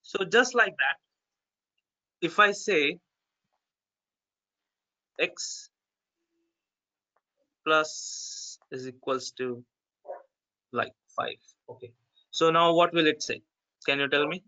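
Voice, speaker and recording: A man's voice: a little high, slow pace, long pauses, sharp tone. A man with a North Indian accent giving an informal step-by-step tutorial, often checking that he is understood. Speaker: programming teacher. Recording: dull, lo-fi online call audio.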